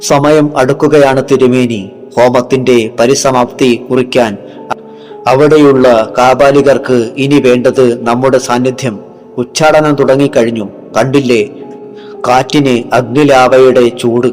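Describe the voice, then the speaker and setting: A man's voice: mid-range voice, steady tone, a little slow, soft background music, lightly acted. Man voicing a vengeful yakshi woman. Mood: ominous. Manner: urgent, commanding hushed speech. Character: vengeful seductive female yakshi spirit.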